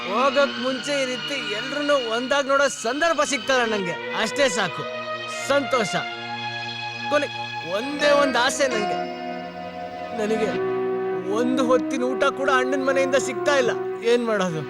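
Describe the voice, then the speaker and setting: A rambling, maudlin drunk brother in a film, his voice pitched very high. He repeats himself and pleads. Loud film music plays under him throughout. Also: normal speed, pauses often. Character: drunk, debt-ridden younger brother, emotional. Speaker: film character in a dub. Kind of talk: dubbed film acting. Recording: loud film score behind the voice.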